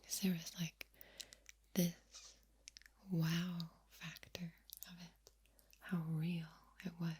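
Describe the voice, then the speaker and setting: A woman whispering slowly in an ASMR video, repeating words softly as a trigger. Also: fairly low pitch, completely flat delivery. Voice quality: breathy whisper. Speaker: ASMR creator.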